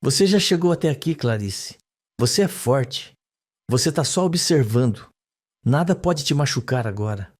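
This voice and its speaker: A man reading the lines of a doctor who guides a patient through hypnosis in a soft, calm, encouraging voice, for a soap opera recap. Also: medium pitch, normal speed, natural voice. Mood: soothing. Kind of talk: read-aloud soap recap.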